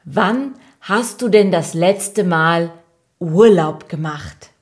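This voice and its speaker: A woman voicing a kindly farmer and doctor in a children's audio story, speaking gently. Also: on the low side, slow pace. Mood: caring.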